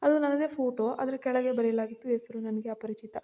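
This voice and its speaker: Woman with a very mellow, dark tone. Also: fairly high pitch, fairly even intonation, fairly quick. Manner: tense, fearful storytelling. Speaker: storyteller. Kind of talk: dramatic first-person story narration.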